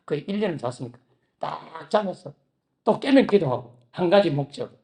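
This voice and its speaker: A man preaching a sermon in a Gyeongsang Korean accent, telling his own story with lively swings between quiet narration and loud, pleading outbursts. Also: on the high side, moderate pace, vocal fry. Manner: animated storytelling, acting out his own past prayers with sudden loud outbursts. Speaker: pastor. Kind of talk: sermon with personal testimony.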